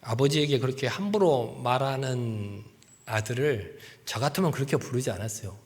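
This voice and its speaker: A man preaching a sermon as pastor, acting out quoted voices and sometimes dropping to a soft near-whisper. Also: medium pitch, animated, moderate pace. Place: church sanctuary. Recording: church hall with long reverb.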